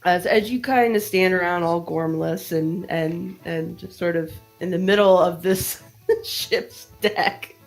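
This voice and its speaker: A woman's voice: on the low side, measured pace, vocal fry, faint music behind. A woman narrating a tabletop role-playing game as game master, in casual, descriptive speech.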